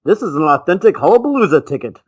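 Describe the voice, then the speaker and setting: A podcast co-host voicing a robotic talking ticket with a mechanical machine voice. He reads ad lines stiffly and draws the words out slowly. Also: fairly high pitch, sing-song, breathy edge. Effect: robotic machine voice, done by mouth.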